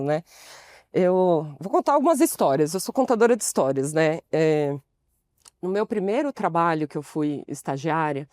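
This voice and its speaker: Appearing as a guest on an interview podcast, a Brazilian consultant in her forties tells lively, personal stories from her working life, acting out the dialogue of the people in them. Her voice is lowish, and the sound is dry and close with no room sound.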